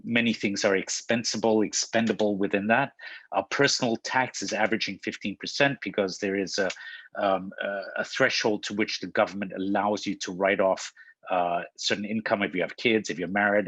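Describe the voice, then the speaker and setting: A man from Hong Kong presents on a webinar over a video call. His low, husky voice halts often and circles back to repeat words. The sound is dry and close. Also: fairly bright tone, no echo. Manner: halting, restarts and repeats words. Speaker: panelist presenter.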